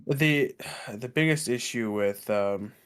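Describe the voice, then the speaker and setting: Laid-back young man, mid-pitched voice. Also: slow pace, smooth. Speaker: podcast co-host. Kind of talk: casual chat.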